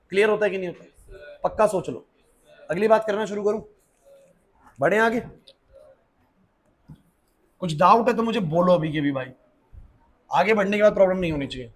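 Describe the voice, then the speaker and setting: Brief: male physics tutor, high voice, drills the class with rapid-fire questions and answers, technical terms in English. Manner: drills students with quick questions and answers them himself; mixes English technical terms into his talk. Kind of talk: classroom lecture. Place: classroom with students.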